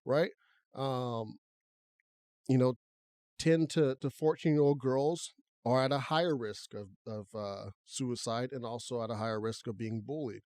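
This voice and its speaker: A man's voice: mid-range voice, a little slow, no echo. Man co-hosting a casual podcast, dry close mic. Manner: relaxed, conversational, talks through restarts. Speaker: podcast co-host.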